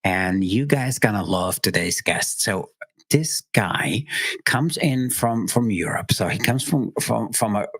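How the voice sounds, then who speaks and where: A man's voice: on the low side, lively intonation, unhurried, fairly bright tone, breathy edge, no room sound. A man hosting a podcast, chatting casually and enthusiastically with his guest. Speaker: host. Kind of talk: podcast interview.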